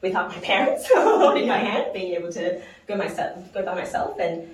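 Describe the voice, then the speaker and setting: In a conversational interview, a New Zealand woman who is a guest investor talks reflectively with frequent laughter and restarted phrases. She has a lowish, expressive voice at normal speed. Slight background noise accompanies the echoey room and distant mic.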